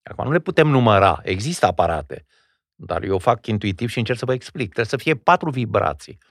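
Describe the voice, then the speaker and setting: A man's voice: fairly low pitch, very animated, no echo, studio quality. A man, an actor being interviewed, speaking reflectively and demonstrating sounds as he explains. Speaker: actor, podcast guest. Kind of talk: conversational interview.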